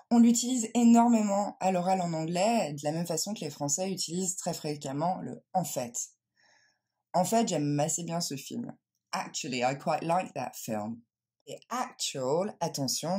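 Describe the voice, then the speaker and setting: A woman gives a scripted English lesson, pausing to pronounce words deliberately. Her voice sits low and mellow, with a soft husky edge. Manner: clear, deliberate modeling of pronunciation. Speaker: English teacher.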